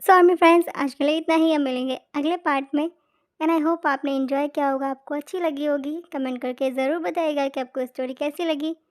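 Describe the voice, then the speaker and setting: A woman storyteller giving a soft, friendly sign-off to her viewers. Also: high-pitched, steady tone, a little fast. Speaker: storyteller and dubber. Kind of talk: channel outro.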